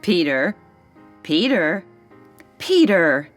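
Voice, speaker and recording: An actress plays a fussy motherly aunt in a radio drama. She frets in an unhurried, expressive voice over faint music. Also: on the low side. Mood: scolding. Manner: worried, insistent.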